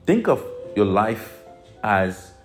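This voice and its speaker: A man from Togo with a Togolese accent, teaching as a motivational spiritual life coach in deliberate phrases with emphatic stresses. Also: on the low side, sing-song, faint music behind. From Togo, West Africa.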